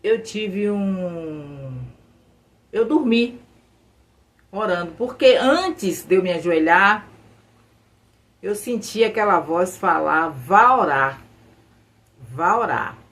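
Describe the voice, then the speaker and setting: A woman's voice: medium pitch, lively intonation, slow, pauses often. A middle-aged woman telling a religious testimony in an earnest storytelling way, often repeating phrases and quoting her own prayers. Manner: earnest, repetitive retelling with quoted prayers. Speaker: testimony speaker.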